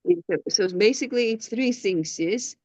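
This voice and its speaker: A woman's voice: medium pitch, normal speed, a little mellow, no echo. A woman, facilitating an online scripture class, patient and questioning as she prompts her students. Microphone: video call. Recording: dull lo-fi video call audio.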